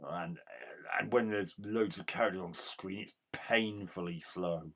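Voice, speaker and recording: Deep gravelly man, exasperated. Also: measured pace. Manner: exasperated, grumbling, yelling at the game. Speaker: retro game reviewer. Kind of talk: casual gameplay commentary.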